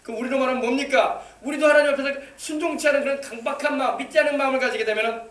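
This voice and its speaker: A man's voice: very high voice, steady tone, racing, a bit bright. A male pastor preaching an emphatic sermon, exhorting the congregation with rhetorical questions. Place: church sanctuary. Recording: echoey church hall, mic at a distance.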